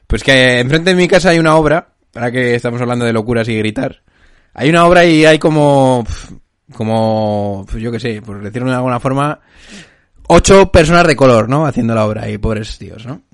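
A man's voice: mid-range voice, a little fast, clean tone, dry recording. Male co-host, joking banter, dry close mic. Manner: joking, tells stories animatedly. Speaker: podcast co-host. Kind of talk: casual chat. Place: home during lockdown.

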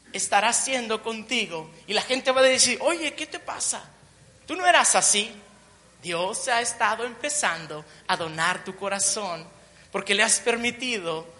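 Lady preaching slow and high, repeats lines for punch, cracks little jokes, big echoey hall. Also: bright, forceful tone. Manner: emphatic, repetitive build-ups with joking asides. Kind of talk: sermon. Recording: long reverb of a large hall.

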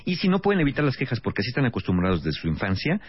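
Fast-talking Mexican man giving advice. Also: mid-range voice, huge pitch swings, breathy edge. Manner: emphatic, lecturing. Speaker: radio co-host, relationship advisor. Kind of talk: radio talk show advice. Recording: slightly muffled radio broadcast.

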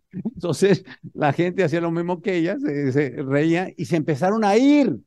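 A man with a Mexican accent telling a humorous story to an audience in an animated, motivational speaking style. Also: high-pitched, moderate pace, dry recording, studio quality.

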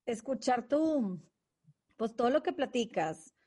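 A woman's voice: fairly high pitch, big pitch swings, takes it slowly, mellow, slightly rough. A young woman and mother, hosting an interview and responding to her guest with empathy and emotion. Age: young adult. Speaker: host. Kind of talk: interview conversation.

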